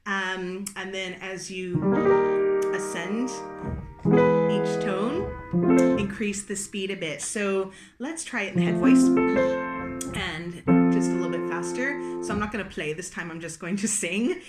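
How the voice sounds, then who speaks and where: A woman leading a relaxed singing warm-up lesson, explaining exercises in an encouraging, chatty way and laughing off her own slips. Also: mid-range voice, unhurried. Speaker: singing teacher. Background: piano.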